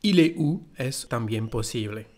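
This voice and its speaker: A man with a French accent gives a language lesson at an unhurried pace. His pitch is mid-range for a man, and he explains each point carefully, mixing in short French example phrases. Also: lively intonation, darkish tone. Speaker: French teacher.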